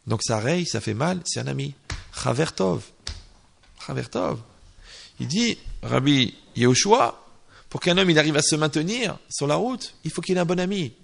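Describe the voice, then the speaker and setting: Male religious teacher, casual lesson, raised pitch, gravelly edge. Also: moderate pace. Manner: animated, acts out little dialogues, slips in Hebrew terms. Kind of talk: informal Torah lesson.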